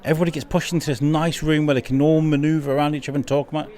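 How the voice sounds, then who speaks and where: With a warm, high-ish voice and a level tone, the man speaks very fast while hosting a rambling, appreciative podcast chat. The setting is a busy wellbeing festival, full of crowd chatter and outdoor-like hubbub.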